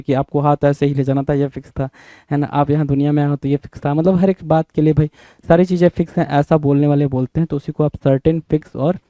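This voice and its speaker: A man's voice: a little high, dark tone, dry recording. A man teaching exam vocabulary, often spelling words out letter by letter, repeating them and checking in with his listeners. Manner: frequent check-ins with listeners. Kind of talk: exam-prep vocabulary lesson.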